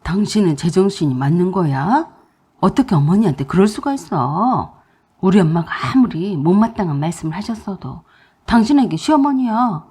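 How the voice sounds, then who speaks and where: A woman's voice: mid-range voice, animated, normal speed, darkish tone, slightly rough. A woman voicing an angry husband who blames his wife and defends his mother, in a radio-drama story reading. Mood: reproachful. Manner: reproachful, blunt.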